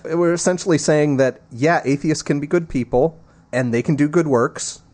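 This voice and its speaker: A man co-hosting a casual podcast, talking in an animated way. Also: fairly high pitch, normal speed. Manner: animated, reads quotes aloud with emphasis. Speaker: podcast co-host.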